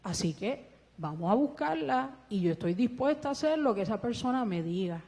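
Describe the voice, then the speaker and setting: A woman's voice: a little high, expressive, normal speed, dark tone. A woman with a Puerto Rican Spanish accent gives an earnest church testimony and speaks with the help of a ventilator, acting out the dialogue as she tells her story. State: breathing with a ventilator. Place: church hall. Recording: long echo of a church hall.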